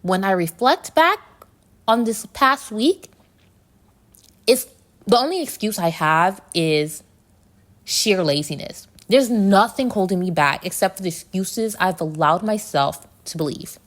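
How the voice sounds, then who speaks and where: A woman's voice: mid-range voice, lively intonation, unhurried. A woman hosting a casual, reflective solo podcast, speaking candidly and conversationally, with slightly muffled articulation from braces. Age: adult. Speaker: podcast host.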